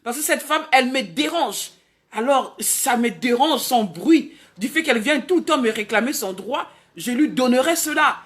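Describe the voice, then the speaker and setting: A woman's voice: fairly high pitch, lively intonation, moderate pace, natural voice. A woman voicing a callous, unjust male judge who gives in grudgingly.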